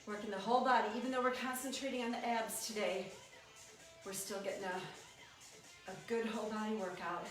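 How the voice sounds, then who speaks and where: A woman's voice: medium pitch, steady tone, normal speed, long pauses. A woman leading a workout as an aerobics instructor, giving short encouraging cues and counts. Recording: echoey room, distant mic, music behind. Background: workout music.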